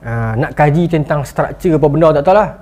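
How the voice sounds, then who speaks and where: Guy doing a motivational talk, high voice, acts out all his stories. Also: fast talker. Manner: animated storytelling, acting out quotes. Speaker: motivational speaker. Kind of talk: motivational lecture.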